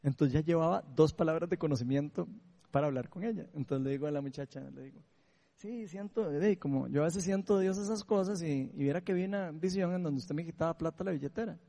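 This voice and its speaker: High-voiced Costa Rican preacher. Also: male voice, fast talker, creaky, dark tone, in a large hall. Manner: storytelling, often asking the listeners for agreement. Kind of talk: sermon testimony.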